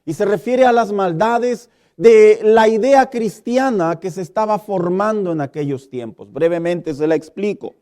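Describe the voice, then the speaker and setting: A pastor preaching a sermon, emphatic, asking the congregation questions and acting out little dialogues. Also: male voice, sits high, unhurried, few pauses, dark tone.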